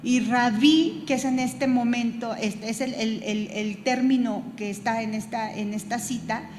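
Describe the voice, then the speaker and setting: Halting woman teaching a Bible class. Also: on the high side, steady tone. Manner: halting, repeats words while searching for them; spells out terms letter by letter. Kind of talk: Bible study lecture. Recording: echoey hall with room noise.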